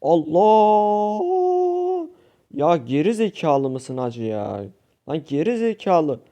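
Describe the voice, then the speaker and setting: A young man commenting live on his own gameplay for his channel, animated, talking to viewers and shouting at teammates. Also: medium pitch, unhurried. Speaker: gaming youtuber.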